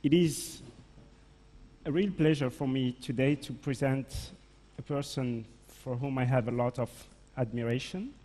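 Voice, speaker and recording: A man from Morocco, giving a formal introduction speech at a conference, halting with many fillers and self-corrections. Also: medium pitch, steady tone, mellow, a little hiss or hum. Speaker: conference speaker introducing a guest. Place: large conference hall. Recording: long hall reverb.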